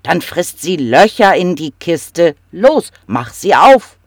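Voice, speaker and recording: Narrator doing a bossy old troll lady, loud and scolding, storybook voice, dry sound. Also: medium pitch, very animated, slow, no room sound, exaggerated voice.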